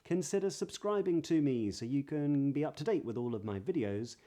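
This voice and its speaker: A man's voice: mid-range voice, expressive, brisk, warm tone. A man with a Southern British accent, teaching pronunciation as a voice coach with careful, precise articulation. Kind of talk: pronunciation lesson.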